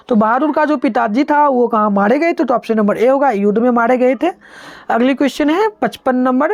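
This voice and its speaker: Woman teacher, higher voice, dry close sound, patient step-by-step exam explainer. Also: no echo. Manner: explains step by step, has students try sounds aloud. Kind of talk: online exam-answer lesson.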